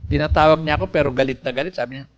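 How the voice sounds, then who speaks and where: A man's voice: fairly high pitch, steady tone, racing, muffled recording, over music. A man telling his personal faith testimony in an earnest storytelling manner, speaking politely and mixing in English phrases.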